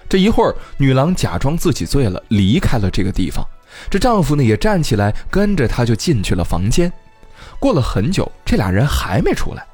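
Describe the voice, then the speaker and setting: A man's voice: mid-range voice, sing-song, brisk, darkish tone, slightly rough, faint music behind. A man hosting a casual storytelling podcast, retelling a tale in a chatty way and speaking directly to listeners. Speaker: podcast host.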